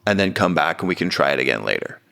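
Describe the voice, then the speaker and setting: A man in his forties, a kids' coach and gym owner, talking in a measured, firm way as an interview guest. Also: very deep voice, lively intonation, creaky, pushed and bright. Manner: measured and firm, agreeing with short affirmations. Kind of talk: casual interview talk.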